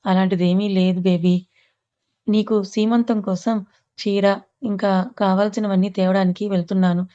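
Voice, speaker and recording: A doting young husband who coaxes his wife with affectionate words, put on by a woman narrator. The voice is mellow and fairly even in pitch. The recording is dull and lo-fi. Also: normal speed, natural voice. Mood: coaxing. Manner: coaxing, affectionate. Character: doting young husband, patient but short-fused.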